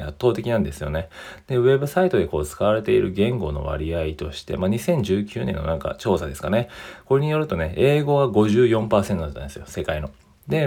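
Brisk male podcast host from Japan, low husky voice, chatty list-by-list delivery with frequent self-corrections. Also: a little mellow. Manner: chatty, works through a numbered list; often restarts and corrects himself mid-phrase. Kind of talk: casual solo podcast monologue.

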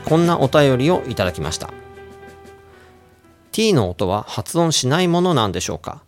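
A man hosting a radio English lesson who plays a friendly doctor giving out cures and explains pronunciation in a relaxed, joking way. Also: mid-range voice, normal speed, faint music behind. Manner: playful doctor role, casual asides. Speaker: radio show host and English coach.

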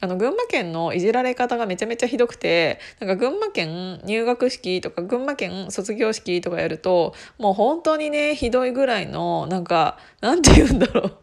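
A woman's voice: medium pitch, big pitch swings, normal speed, creaky, hardly any pauses, darkish tone. Chatty woman laughing between stories. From Gunma, Japan. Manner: chatty, laughs often, many fillers. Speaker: podcast host. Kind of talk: casual solo chat.

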